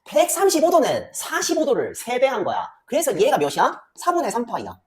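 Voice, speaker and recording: A woman math teacher lecturing a class in a very animated voice. Her pitch swings widely from line to line. She keeps firing quick questions at the students and mutters to herself as she calculates. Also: a little hiss or hum.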